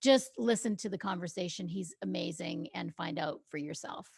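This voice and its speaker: A woman's voice: lowish voice, expressive, moderate pace, vocal fry, darkish tone, husky. A woman hosting a podcast, talking casually as she introduces and interviews. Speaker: podcast host.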